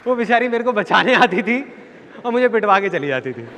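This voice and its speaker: A man's voice: sits high, very animated, fairly quick, a crowd in the background, noisy background. A man giving a motivational seminar talk, telling stories and acting out the voices of people in them, repeating his key phrases. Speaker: motivational speaker. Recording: long hall reverb, faint audience.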